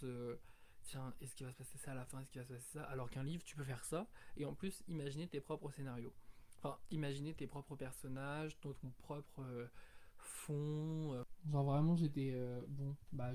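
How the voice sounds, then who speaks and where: A man's voice: medium pitch, fairly even intonation, moderate pace, mellow. A man hosting a book podcast, giving a casual review in a rambling way with lots of fillers and self-corrections. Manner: self-deprecating, chuckles at himself.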